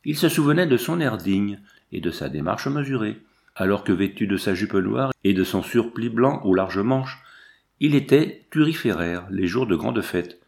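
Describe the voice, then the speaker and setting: A man reading a novel aloud in a measured, expressive way. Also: lowish voice, vocal fry. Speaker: audiobook reader. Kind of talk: scripted narration of a novel.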